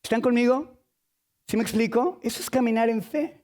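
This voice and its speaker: High-voiced man preaching a lively sermon. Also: normal speed. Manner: lively, humorous, asks the audience rhetorical questions.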